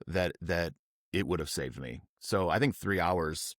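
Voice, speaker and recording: A man co-hosting a casual business podcast, agreeing earnestly and trailing off quietly at the ends of sentences. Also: low voice, unhurried, no room sound, clean studio sound. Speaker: podcast co-host.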